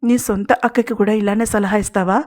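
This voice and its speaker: A woman's voice: mid-range voice, steady tone, brisk, lightly acted. A young married woman held captive speaks with angry indignation, voiced by the female narrator. She is defiant and firm in an audio storybook.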